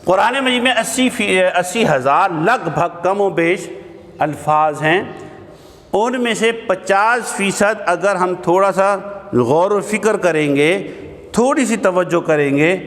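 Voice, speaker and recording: A man's voice: sits high, lively intonation, a bit bright. A man teaching an Arabic grammar class in a mosque hall, lecturing in a conversational way, asking rhetorical questions and checking in with his listeners. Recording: long hall reverb.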